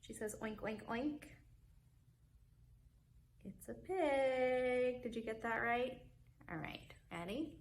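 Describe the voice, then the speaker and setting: A woman librarian reading a picture book aloud to young children and leading an animal guessing game, in a gentle, playful storyteller manner. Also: a little high, animated. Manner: slow, gentle, playful storyteller voice, leads sing-along games.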